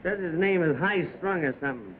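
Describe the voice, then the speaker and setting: An actor playing a brash, wisecracking newspaper reporter, slangy and cocky, in 1930s film style. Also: male voice, on the high side, expressive, brisk, close to an everyday voice. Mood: pushy, wisecracking. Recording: tinny, noisy old film soundtrack.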